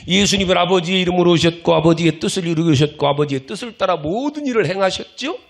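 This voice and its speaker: Gravelly, lively-voiced male pastor preaching. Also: sits high, quick pace. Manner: impassioned preaching, acts out prayers and pleas; folksy, scolding, conversational with the congregation. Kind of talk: sermon.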